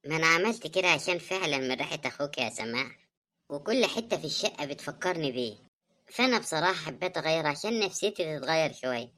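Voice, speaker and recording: A woman voicing a tired young widow in an animated drama, speaking Egyptian Arabic in a pleading, defensive way. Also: low-pitched, quick pace. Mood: explaining.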